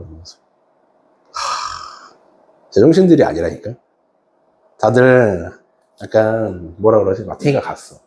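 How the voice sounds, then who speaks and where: A male academy teacher telling a classroom story, acting out his scolding with sudden loud shouts. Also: medium pitch. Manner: animated, wide-ranging delivery. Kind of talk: storytelling anecdote in a class talk. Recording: roomy echo.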